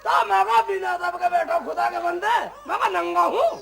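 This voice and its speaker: A squeaky, gravelly comic fool, a young son-in-law who takes every word literally and talks back cheekily. His voice leaps very high and swings all over. Music plays behind him. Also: big pitch swings, normal speed, exaggerated voice. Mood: cheeky. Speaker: comic lead.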